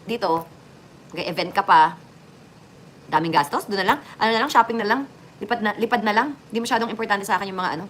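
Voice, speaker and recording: A woman's voice: fast, long pauses, a little hiss or hum. A woman chatting casually to her viewers as a vlogger, joking and swinging her voice up and down. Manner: chatty, lively swings in pitch and loudness, joking asides.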